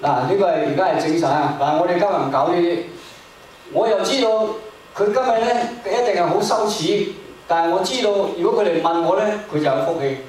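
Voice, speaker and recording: A man preaching a sermon in an emphatic, repetitive way, paused for an interpreter. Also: sits high, a little mellow, a little hiss or hum. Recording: echoey hall, distant mic.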